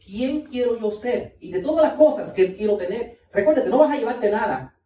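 A man's voice: very high-pitched, lively intonation, normal speed, mellow, reverberant, far from the mic, poor audio. A male pastor preaching a sermon, emphatic, repeating key points and talking straight to the congregation.

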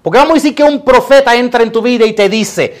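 A man preaching a sermon, animated, acting out quotes playfully. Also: very high voice, quick pace. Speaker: pastor.

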